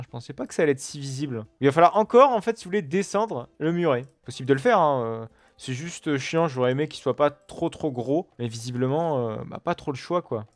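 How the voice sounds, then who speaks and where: A man's voice: mid-range voice, dry recording. A man giving casual, chatty let's-play commentary at his computer. He swears often and keeps addressing viewers with fillers and asides. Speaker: gaming video creator. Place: at his computer while recording gameplay.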